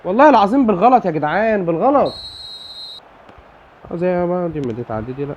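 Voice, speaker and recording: A man with an Egyptian Arabic accent giving excitable live commentary on his own football video game match, cheering and groaning at the play. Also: high-pitched, fast talker, lo-fi sound, a little hiss or hum. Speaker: gamer.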